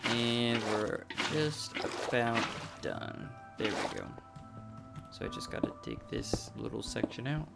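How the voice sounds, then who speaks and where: Man, gameplay commentary host: raspy and gravelly, low-pitched, talks his plans through, loud music behind. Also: wildly swooping pitch, takes it slowly. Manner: thinks aloud, mild self-corrections. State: allergy-hoarse.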